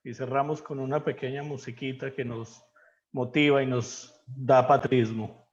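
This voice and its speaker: A man's voice: mid-range voice, level tone, normal speed. A man, the organizer of an online discussion, closing the event in a friendly, informal way over a video call. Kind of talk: casual closing remarks. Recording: muffled call audio.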